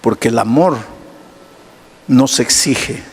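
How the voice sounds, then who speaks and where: A male pastor preaching a sermon, swinging between hushed low passages and raised ones, asking his listeners questions and answering them himself. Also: slow, in a large hall.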